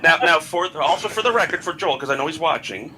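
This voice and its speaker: Bright-voiced stammering male guest. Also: a little high, lively intonation, quick pace, a little hiss or hum. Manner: stammering, repeats words at starts. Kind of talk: casual chat.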